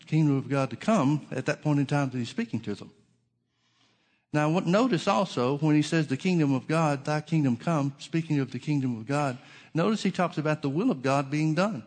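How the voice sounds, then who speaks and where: A male pastor preaching a sermon at a pulpit microphone in a church, teaching steadily and reading scripture in old Bible wording. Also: on the high side.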